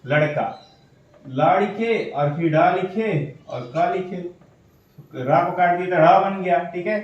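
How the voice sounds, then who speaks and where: A man's voice: high-pitched, slow, lo-fi sound. A man teaching shorthand step by step, patiently asking questions and answering them himself. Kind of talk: step-by-step tutorial explanation. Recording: echoey room, voice from a distance.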